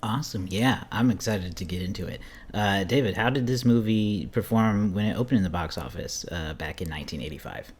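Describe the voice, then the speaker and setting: A man's voice: fairly low pitch, fairly quick, darkish tone, husky. A man hosting a podcast, introducing the show and chatting casually with his co-hosts. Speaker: podcast host.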